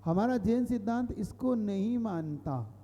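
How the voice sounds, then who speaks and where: A man's voice: high voice, expressive, a little slow, dark tone. A man, a Jain monk, giving a sermon to an audience. He explains step by step, repeats phrases and asks his listeners questions. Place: hall with a live audience. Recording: hall reverb.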